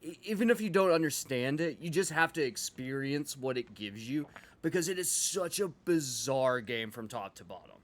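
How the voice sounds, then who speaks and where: A man with a mid-range voice speaks as a panelist in a relaxed chat. He gushes warmly about what he loves, with casual swearing. His tone is loose and conversational. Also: mid-range voice, moderate pace.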